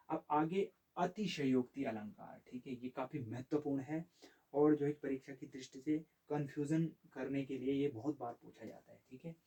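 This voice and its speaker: A man teaching Hindi literature for exams. He recites each verse slowly, then explains it with many fillers, and he asks questions and answers them himself. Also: mid-range voice, dark tone, husky. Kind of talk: exam-prep lesson explaining poetry.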